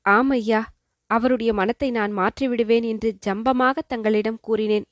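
Young princess, afraid and sobbing, high voice, voiced by the female narrator. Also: fairly even intonation, a little slow, no room sound, studio quality, natural voice. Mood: sorrowful. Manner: sorrowful, sobbing. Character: young princess, fearful and tearful.

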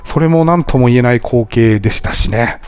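A man's voice: mid-range voice, moderate pace, darkish tone, smooth. A man hosting a casual travel podcast, chatting and often laughing at his own stories. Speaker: podcast host and travel Instagrammer.

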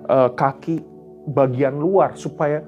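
A man in his thirties preaching a sermon as a pastor, mixing English phrases into his talk and rising to loud, emphatic peaks. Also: mid-range voice, fairly even intonation, takes it slowly, lo-fi sound, soft background music. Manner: switches between Indonesian and English phrases.

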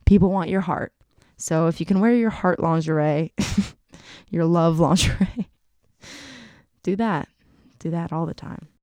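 A woman's voice: lowish voice, measured pace, pauses often, darkish tone, no echo. A young adult woman chatting casually on her own channel, giggling often and filling her talk with "like". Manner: chatty, giggly, full of filler "like". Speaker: YouTuber. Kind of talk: casual chat.

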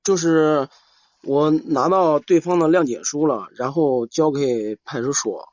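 A man calling in for advice, chatting casually in a hesitant, halting way and repeating himself. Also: fairly high pitch, darkish tone, no room sound. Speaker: caller seeking advice. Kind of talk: casual chat. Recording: dull lo-fi live call.

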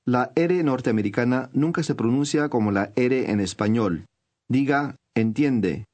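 A man reading scripted instructions for a language course, clear and measured. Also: mid-range voice, darkish tone.

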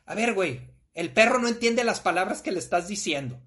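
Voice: mid-range voice, lively intonation, brisk, fairly bright tone. A podcast host with a Mexican Spanish accent, talking casually and emphatically, full of slang, sometimes acting out little scenes.

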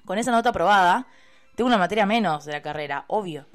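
A young woman with an Argentine Spanish accent, a university student telling a personal story in a casual, expressive, chatty way and swearing freely. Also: medium pitch, quick pace, faint music behind. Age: young adult.

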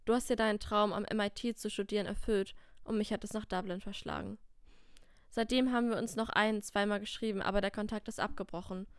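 A shy, tidy young man from a storybook, read by a woman in her own voice. The tone is smooth and clear, recorded dry and close with no room sound. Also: medium pitch, steady tone, fairly quick, no echo, lightly acted. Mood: tender. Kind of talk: reading dialogue in a storybook.

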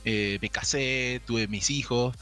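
A man in his forties talks casually as a podcast guest, his accent a blend of Argentine and Chilean. He is relaxed and jokey and swears now and then, at an ordinary middle pitch. Faint music sits under the call. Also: slow pace. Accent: mixed Argentine and Chilean.

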